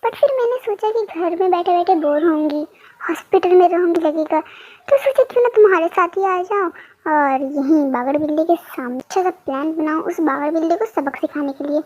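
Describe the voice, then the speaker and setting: A woman's voice: extremely high pitch, moderate pace, a little mellow, pitched below the performer's own voice. A woman voicing an indignant, feisty young woman who keeps threatening a rival in a fan story. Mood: scheming. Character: feisty young woman, quick to pick fights.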